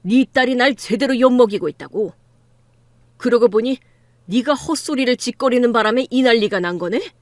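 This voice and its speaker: A woman's voice: fairly high pitch, expressive, moderate pace, no echo, close to an everyday voice. A woman voicing an arrogant, crude middle-aged man who runs a law firm, in an audiobook drama reading, talking in a sneering, bullying way.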